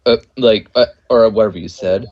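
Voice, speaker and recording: A man's voice: fairly low pitch, brisk. Young man, American, casual podcast co-host, rambling with fillers, dull lo-fi recording. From United States. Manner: rambling, many fillers and restarts, nervous. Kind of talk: casual chat.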